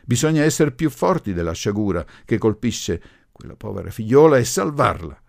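Figure: imperious professor, voiced by a male reader. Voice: loud, gravelly. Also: fairly low pitch, sing-song, normal speed, voice pushed up. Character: forceful, commanding middle-aged male professor.

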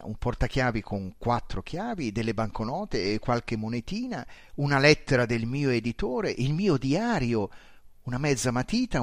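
A man reading a story aloud in the first person, with calm, measured narration. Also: medium pitch, no room sound, studio quality. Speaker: audiobook narrator.

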